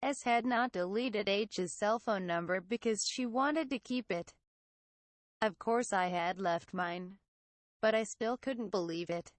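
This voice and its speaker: A woman voicing a frightened young man recounting eerie phone calls in a halting, uneasy way. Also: mid-range voice, no room sound, natural voice.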